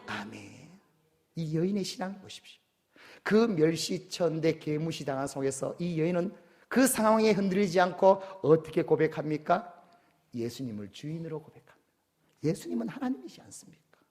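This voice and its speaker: A man's voice: on the high side, warm tone. A man pastor preaching a sermon in an emphatic way, often putting questions to his congregation.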